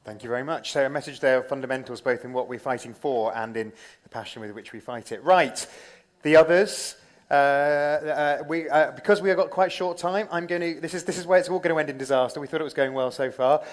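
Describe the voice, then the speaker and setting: A man's voice: on the high side, fairly quick. A man moderating a conference panel informally, with a wry, self-deprecating manner.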